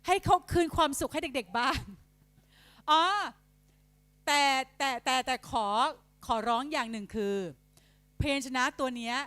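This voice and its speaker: Lively, higher-pitched woman trainer, dry sound. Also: no echo. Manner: demonstrative, sounds out letters and syllables slowly; polite, frequent soft tag particles. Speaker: teacher trainer. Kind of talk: instructional talk to teachers.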